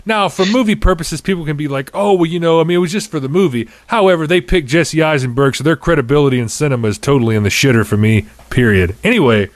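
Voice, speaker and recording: Fairly high-pitched and quick, he barely pauses, and the recording is dry. The thirty-something man hosts a casual podcast through a studio condenser microphone on a table, mixing chatter with profane, opinionated rants.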